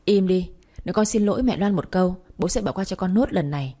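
A woman voicing a stern, angry middle-aged father who shouts and scolds, in a Vietnamese audio story. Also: medium pitch, fast talker, lightly acted. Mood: angry scolding.

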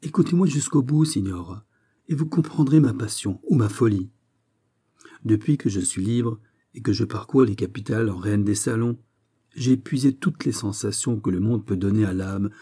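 An exalted young society lady from a storybook presses her strange request, her words rising with fervor. A man reads her, his voice dark and slightly husky, pitched a little low. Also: normal speed. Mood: impassioned. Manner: pleading, exalted. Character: passionate young society lady, bored of salons. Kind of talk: read-aloud story.

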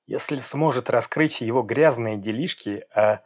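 A man reads a story aloud as audiobook narration. His delivery is even and measured, at a mid pitch for a man.

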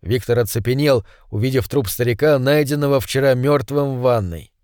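A man reading a novel aloud in even storytelling narration at a close microphone. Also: medium pitch, normal speed, clean tone, no echo. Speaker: audiobook narrator. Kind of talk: scripted narration.

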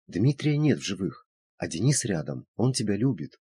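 A brisk, skeptical woman friend, teasing and lecturing in a high, lively voice with a husky edge, as a male reader puts her on. The sound is dry and close. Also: dry recording, heavily acted.

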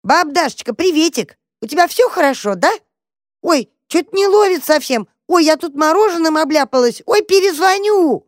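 A woman's voice: very high voice, animated, moderate pace, no echo, studio quality, pitched above the performer's own voice. A woman voicing a chirpy little girl babbling on the phone.

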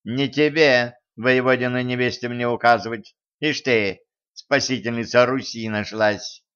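A man's voice: medium pitch, fairly even intonation, a little slow, fairly bright tone, smooth, muffled recording, close to an everyday voice. A man reading an audiobook, voicing a haughty, spoiled young tsarevna who talks in a brash, mocking, folksy way. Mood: offended.

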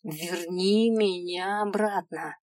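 A hot-tempered young woman thief, voiced by the narrator, arguing insistently and refusing to give in. Her voice pushes louder and a little higher than the narration. Dry, close storybook audio. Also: unhurried, dry recording, lightly acted. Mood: pleading. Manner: protesting, insistent.

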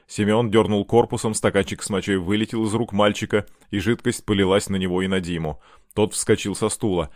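A man narrates an audiobook in a measured, dramatic manner. His voice is low and the sound is close and dry, with no room around it. The reading is steady scripted narration. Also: no room sound.

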